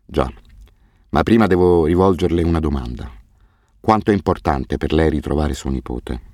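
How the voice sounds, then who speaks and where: A man voicing a weary, guilt-ridden orphanage director who speaks haltingly and turns bitterly defensive. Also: a bass voice, a little mellow, no echo, studio quality. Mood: grave, ashamed.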